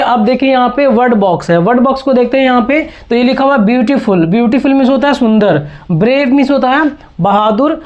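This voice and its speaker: A man's voice: very high voice, highs cut off. A man teaching English grammar to beginners, explaining each step patiently and repeating key words. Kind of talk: spoken language lesson.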